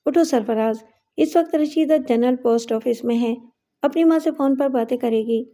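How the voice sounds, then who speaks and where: A woman's voice: high voice, warm tone, lightly acted. A woman voicing a middle-aged father who speaks in an urgent, commanding way.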